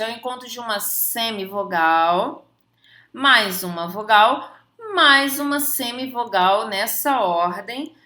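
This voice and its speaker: A woman's voice: fairly high pitch, pushed and bright, roomy sound. A woman from Brazil teaching an online exam-prep Portuguese lesson, chatty and jokey, often checking in with her students.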